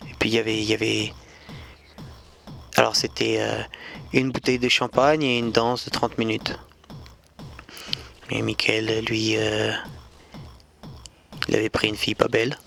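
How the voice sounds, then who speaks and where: Man, gravelly and low-key storyteller, slow and halting, faint music underneath. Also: level tone, a bit bright. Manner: slow, halting delivery with many fillers. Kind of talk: storytelling anecdote.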